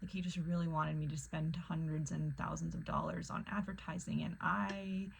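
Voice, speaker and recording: A woman chatting casually to camera in a soft, often whispery voice, with many fillers. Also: low voice, flat delivery, normal speed, gravelly, slight background noise, rough recording. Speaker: vlogger. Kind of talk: casual chat.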